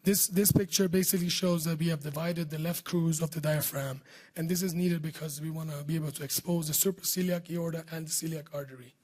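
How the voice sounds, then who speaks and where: A man with a hoarse voice that is giving out, speaking close to the microphone as he presents surgical research in a scripted talk. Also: on the high side, steady tone, a little fast, darkish tone. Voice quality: husky voice giving out. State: hoarse, losing his voice. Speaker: surgeon presenting research at a medical conference. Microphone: speaking close to a podium microphone.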